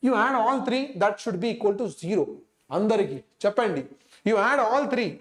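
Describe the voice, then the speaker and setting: A man's voice: sits high, animated, very fast, fairly bright tone. A man with a Telugu Indian accent, a native Telugu speaker, teaching an exam-coaching lesson, working through sums aloud, repeating phrases and prompting students with questions. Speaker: physics teacher.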